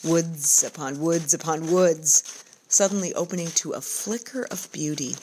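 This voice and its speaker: A woman narrating her own outdoor journal in a calm, descriptive, reflective first-person way. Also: low-pitched, measured pace, a little hiss or hum, poor audio.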